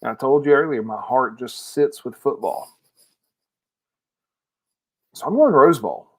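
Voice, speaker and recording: A man's voice: mid-range voice, lively intonation, a little slow, darkish tone. A man co-hosting a casual sports podcast, rambling with restarts as he weighs his pick. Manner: rambling, many restarts, enthusiastic. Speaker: podcast co-host.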